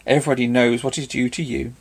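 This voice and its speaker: A man's voice: medium pitch, fairly even intonation, quick pace, husky, natural voice. A man voicing a soothing, fawning husband in an audiobook, murmuring and placating.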